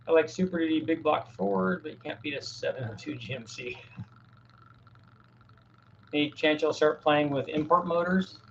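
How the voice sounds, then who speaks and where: A man's voice: fairly high pitch, moderate pace, creaky, pauses often, highs cut off, a little hiss or hum. A middle-aged man hosting a casual live Q&A, answering viewers' technical questions in a plain-spoken way, often restarting his sentences. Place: home workshop with a fan running.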